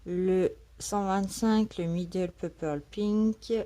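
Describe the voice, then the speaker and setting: Woman, coloring vlogger, slow hesitant talk, just woken up, faint cat noises at home. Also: medium pitch, steady tone, noisy background. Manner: hesitant, many fillers, chatty. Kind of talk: casual vlog chat. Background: cat meowing.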